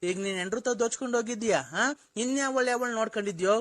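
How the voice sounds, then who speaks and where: Shrill fast-talking man with a Doddaballapur accent. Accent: Doddaballapur Kannada. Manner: shouting, scolding and accusing. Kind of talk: prank phone call.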